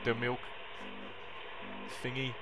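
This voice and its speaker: Speaking over music in a completely flat, slow, mid-range voice, a young man shows viewers how to make coffee with informal, self-deprecating narration. The setting is a small indoor home kitchen, and the noisy recording is full of clicks and clatter.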